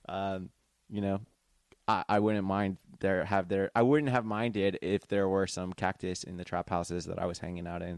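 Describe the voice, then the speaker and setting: A man's voice: deep voice, clean tone, no room sound, clean studio sound. A man from the United States hosting a podcast, talking in a friendly, enthusiastic, rambling way. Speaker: podcast host. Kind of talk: casual interview chat.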